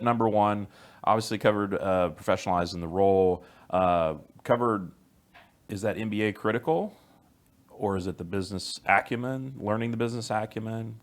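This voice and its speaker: A man hosting a podcast, asking rapid interview questions with upbeat, short interjections. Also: on the low side. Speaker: podcast host. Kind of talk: quick-fire interview questions.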